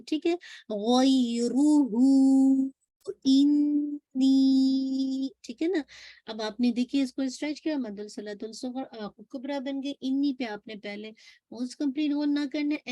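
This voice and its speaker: Pakistani woman teaching quran recitation, a bit high, warm dry sound, drags words out to demo. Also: dry recording. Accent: Pakistani Urdu. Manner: explains rules slowly, repeats words drawn out. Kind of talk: tajweed class over audio call.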